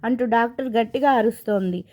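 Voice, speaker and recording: A woman voicing a grieving young married man haunted by his past, told slowly and from the heart. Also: on the high side, darkish tone, lightly acted.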